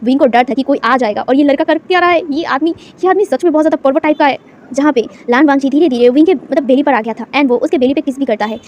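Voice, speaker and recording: Fast, high-voiced young woman storyteller. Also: darkish tone, a little hiss or hum. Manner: chatty, filler-heavy, mixing in English words. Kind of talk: casual fan-fiction story narration.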